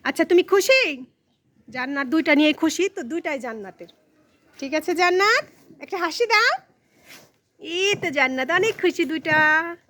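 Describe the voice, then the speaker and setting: A high, bright-toned woman narrates a casual family vlog. She turns from viewers to coax her little daughter, gentle and chatty. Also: animated, normal speed, pauses often. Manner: coaxing, talks to viewers and to a small child. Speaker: mother filming her daughter.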